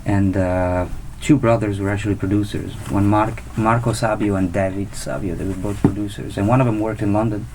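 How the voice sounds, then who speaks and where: This is a man. His voice sits on the low side, and he answers at an easy pace, often restarting his sentences. A faint hiss stays behind him. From Italy. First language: Italian. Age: 30s. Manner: relaxed, unhurried, with restarts. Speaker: guest musician. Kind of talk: casual interview.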